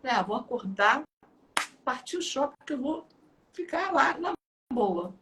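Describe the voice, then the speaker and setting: A woman, an author telling lively anecdotes about her book and laughing as she goes. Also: high-pitched, moderate pace, noisy background. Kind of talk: casual storytelling talk.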